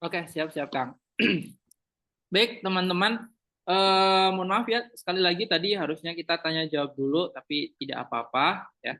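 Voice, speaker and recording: A man's voice: high-pitched, a little slow, pushed and bright. A man moderating an online question session, polite and formal as he invites questions. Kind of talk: hosting an online Q&A.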